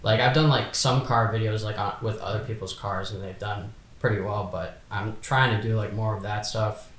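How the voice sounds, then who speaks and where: A young man in his twenties talks in a hesitant, casual way as a podcast guest, stopping and restarting often. His voice sits fairly low. The recording carries a noticeable room echo. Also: steady tone, moderate pace, a bit bright. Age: 20s. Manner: hesitant, many fillers and restarts. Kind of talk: casual chat.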